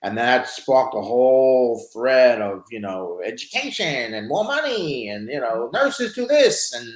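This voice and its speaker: A man's voice: mid-range voice, big pitch swings, a little slow. A man hosting a casual talk show about emergency medical work, talking loosely, with many restarts and "you know"s. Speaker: podcast host. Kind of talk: casual chat. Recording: roomy echo.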